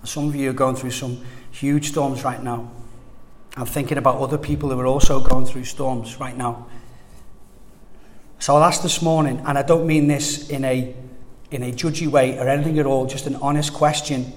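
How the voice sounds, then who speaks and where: A man's voice: mid-range voice, steady tone, moderate pace. A man preaching an earnest, conversational sermon to his congregation, often restarting his sentences. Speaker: pastor. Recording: long hall reverb.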